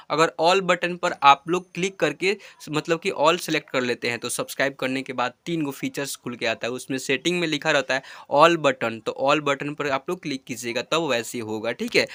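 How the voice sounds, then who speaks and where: A man teaching a handwriting lesson to children, patient and slow, checking in often. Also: on the high side, sharp tone, no room sound. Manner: patient, repeats "ठीक है" as a check-in; slow, drawn-out dictation of letter pairs.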